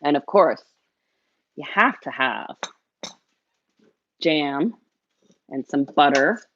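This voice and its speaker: A woman's voice: low voice, expressive, takes it slowly, fairly bright tone, no room sound, lo-fi sound. A middle-aged woman hosting a live baking lesson, chatting and cheering on viewers as she works in her kitchen. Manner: chatty and encouraging, talks to viewers directly. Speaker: baking show host.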